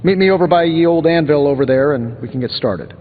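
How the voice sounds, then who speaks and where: A man's voice: on the high side, fast, a little hiss or hum, close to an everyday voice. A man voicing a wisecracking genius inventor superhero in a video game, with an American accent and a glib, sardonic, conversational manner. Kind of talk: video game dialogue acting. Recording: muffled game audio, long reverb, music behind.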